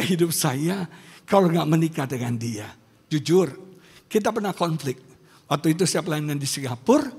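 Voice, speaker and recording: A man from West Sumatra, a pastor giving an animated sermon, telling stories with sudden loud outbursts. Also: a little high, slightly rough. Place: large church hall. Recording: long hall reverb.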